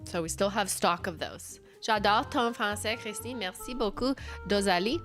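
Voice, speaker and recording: Sick and losing her voice, a young Canadian brand founder chats through a casual livestream, laughing often and moving between English and French in her Canadian English accent. Her mid-range voice is fairly bright at a moderate pace, with faint music behind her.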